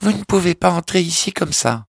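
A man's voice: high voice, expressive, fairly quick, vocal fry, slightly rough, dry recording, clean studio sound, pitched above the performer's own voice, full character voice. A man voicing a young, defensive mother who speaks in a tense, guarded way.

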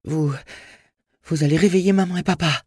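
A man's voice: steady tone, normal speed, a little mellow, slightly rough, no room sound, clean studio sound. A man voicing a frightened little boy woken at night by strangers. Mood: scared, hushed urging. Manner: trembling, urgent, high child voice.

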